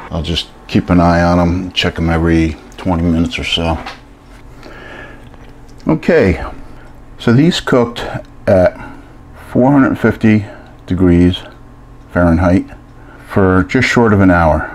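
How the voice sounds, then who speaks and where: A man casually talking through a home cooking video, relaxed and halting, with many fillers. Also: low voice, slight background noise. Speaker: cooking vlogger.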